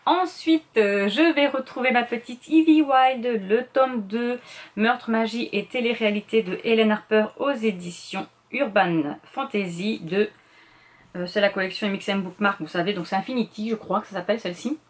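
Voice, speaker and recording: A middle-aged woman talks casually about the books she plans to read. She speaks quickly and rambles, dropping fillers and correcting herself as she goes. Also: fairly high pitch. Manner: chatty, rambling with many fillers and self-corrections; quick talker, admits speaking too fast. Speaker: booktuber presenting a reading challenge list. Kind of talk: casual chat.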